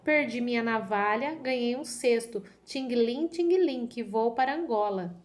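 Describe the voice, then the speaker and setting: A woman's voice: a little high, expressive, measured pace. Woman doing a singsong cheeky monkey. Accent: Brazilian Portuguese. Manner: singsong chanting. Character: cheeky greedy male monkey in a folk tale.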